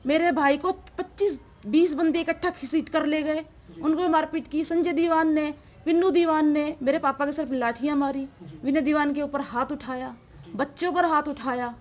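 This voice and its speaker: A woman recounts events to a news interviewer in a high, clear voice. She is urgent and aggrieved, and keeps calling the interviewer sir. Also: steady tone, moderate pace. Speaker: interviewee, victim's sister.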